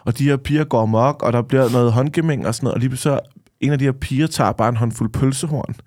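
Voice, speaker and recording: A man's voice: medium pitch, a little mellow, dry recording, studio quality. A man in his thirties co-hosting a podcast, telling crude party stories with lots of swearing and laughter. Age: 30s. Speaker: podcast co-host. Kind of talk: casual storytelling chat.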